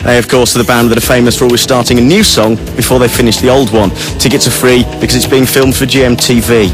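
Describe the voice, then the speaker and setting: A British man reading scripted comic gig listings on the radio in a deadpan manner. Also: medium pitch, quick pace. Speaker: comic gig-guide presenter. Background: music bed.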